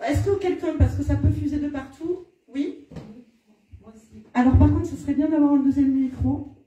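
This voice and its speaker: Female medium, southern French accent, very soft mellow tone, informal live address, roomy distant recording. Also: high voice, steady tone, moderate pace, muffled recording, faint music behind. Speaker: spirit medium. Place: indoor hall at a live-streamed event. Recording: echoey room, distant mic.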